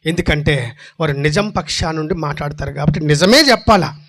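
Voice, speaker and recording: A man preaching a sermon, firing rhetorical questions and swinging between loud, forceful lines and soft, low asides. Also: brisk. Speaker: pastor.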